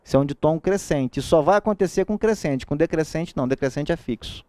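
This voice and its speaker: Brazilian guy teaching exam prep, bit high voice, dry sound, keeps asking "tá?". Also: quick pace, no room sound. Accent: Brazilian Portuguese. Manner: lively, asks rhetorical questions, frequent checks like "tá?".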